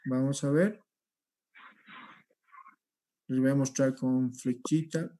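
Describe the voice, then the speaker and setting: A man giving a recorded medical lecture over slides, explaining step by step and often checking with a quick "¿sí?". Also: mid-range voice, steady tone, dark tone. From Peru. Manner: explanatory, repeats points, checks with rhetorical "¿sí?".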